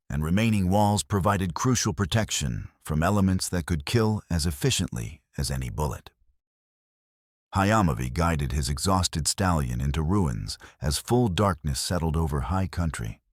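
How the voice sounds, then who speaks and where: A man narrating a scripted frontier story in a measured, even way. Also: sits low, dry recording, clean studio sound.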